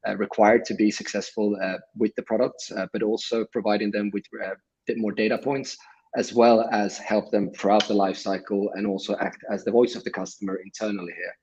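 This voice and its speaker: A man from Sweden, a guest on a livestream, explaining things in a measured way with frequent filler words. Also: lowish voice, level tone, darkish tone, lo-fi sound. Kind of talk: livestream interview.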